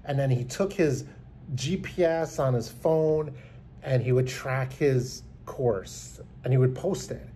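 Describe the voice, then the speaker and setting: A fiftysomething male vlogger talks to his phone camera, held close in a small indoor space, offering a rambling, sincere tribute full of restarts. His medium-pitched voice is mellow and slow, over slight background noise.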